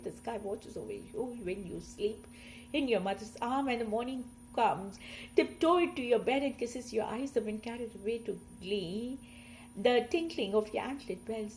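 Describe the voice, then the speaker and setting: Woman reading poems out loud, slow and expressive, gets loud on some words. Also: mid-range voice, rough recording. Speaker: poetry reader. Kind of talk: poetry recitation.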